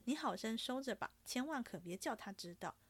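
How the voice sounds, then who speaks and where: A woman's voice: on the high side, animated, a little fast, slightly rough, no echo. Woman doing a wheedling young nobleman. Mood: pleading. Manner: coaxing, wheedling, then blustering.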